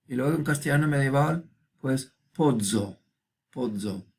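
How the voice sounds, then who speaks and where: A man giving a recorded lecture, slowly repeating each example word and asking listeners quick check questions. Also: mid-range voice. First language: Spanish.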